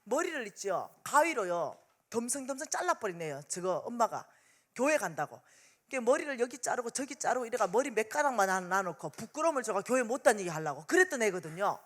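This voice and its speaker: A woman's voice: on the high side, brisk. A woman with a Gyeongsang Korean accent, telling a story in a revival sermon and acting out the dialogue. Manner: animated, acts out dialogue in story. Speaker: revival meeting speaker.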